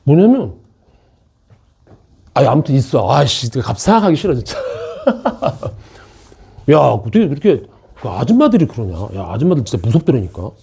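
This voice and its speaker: A man's voice: mid-range voice, big pitch swings, moderate pace, creaky, long pauses, dark tone, slightly rough. A man teaching a math class in an academy classroom, joking around, repeating key points and checking in with the students. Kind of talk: classroom lecture.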